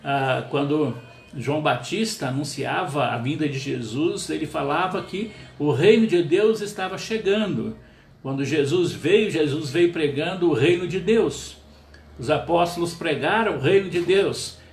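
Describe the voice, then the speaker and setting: A male pastor delivering a sermon in an earnest, measured way, with frequent pauses and small "ah" fillers. His voice sits a bit high for a man and rings in a reverberant room, with a faint hum behind it. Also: animated.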